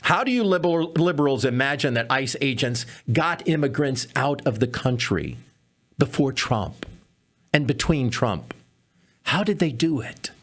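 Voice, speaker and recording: A man's voice: mid-range voice, expressive, a little slow, fairly bright tone. A man hosting a comedy podcast, giving sarcastic political commentary full of mocking rhetorical questions.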